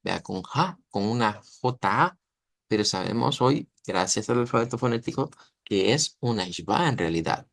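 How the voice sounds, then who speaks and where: A man's voice: on the low side, animated, moderate pace, vocal fry, fairly bright tone, no room sound. A man, teaching an online language class. He explains patiently and keeps checking that his students follow. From Latin America. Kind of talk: online lesson explaining pronunciation.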